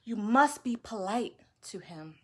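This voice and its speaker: A mysterious old woman offering quiet, unhurried advice, as a woman reads her in a storybook. Her voice drops lower and softer, slow and measured. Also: animated, slightly rough. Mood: calm advising. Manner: slow, hushed counsel. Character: wise old woman, calm and cryptic.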